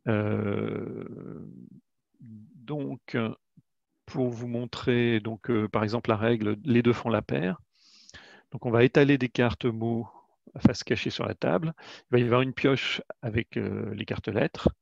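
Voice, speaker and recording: A man with a gravelly, creaky voice gives a webinar presentation of card games, halting often with fillers and restarts. The audio is dull and lo-fi, with a dry sound and no room echo. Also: medium pitch, a little mellow. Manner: hesitant, frequent "euh" fillers and restarts. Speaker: educational game creator presenting.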